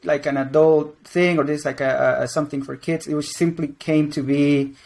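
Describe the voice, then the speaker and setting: On the high side and brisk, his voice is gravelly and darkish with fairly even intonation. The speaker, a game creative director in his 20s from Venezuela and Mexico, rambles casually through an interview, often restarting and filling gaps with fillers.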